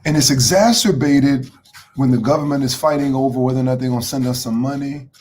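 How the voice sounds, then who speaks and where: A man's voice: medium pitch, quick pace, darkish tone. A man hosting a live motivational talk. He speaks conversationally, repeats phrases for emphasis and greets viewers by name as he goes. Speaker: motivational host.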